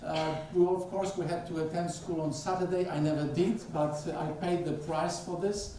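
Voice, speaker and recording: A middle-aged Polish theology professor, Polish-accented, gives an informal sermon as a guest speaker in a church sanctuary, chatting with the congregation. His voice is fairly high, mellow, and fairly even, at normal speed. It's picked up from afar in an echoey hall with slight background noise.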